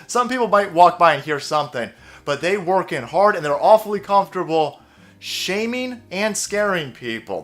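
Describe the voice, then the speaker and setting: A man hosting political commentary, ranting crudely and mocking the people he talks about. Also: a bit bright. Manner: crude, mocking, swings into high sarcastic voices.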